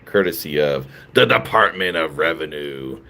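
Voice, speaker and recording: A man's voice: extremely low pitch, expressive, moderate pace, creaky, bright, forceful tone. A sleepy man hosting a live stream, reading chat and riffing casually, laughing often between jokes. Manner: laughs often, loose and joking, answers chat. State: sleepy, yawning. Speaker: livestream host reading chat.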